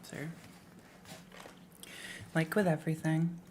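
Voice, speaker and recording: With a flat delivery and a low, darkish voice, a young English woman talks slowly during casual livestream chat. She rambles with many "likes" and "ums" and goes into playful rants, over slight background noise.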